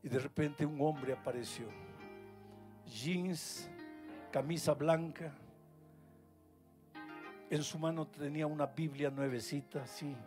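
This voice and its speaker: A pastor tells a story from the pulpit in a somewhat high voice. He builds to loud, rising peaks, then drops to soft, low lines. Gentle music plays faintly behind the man. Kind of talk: storytelling sermon. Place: live university event.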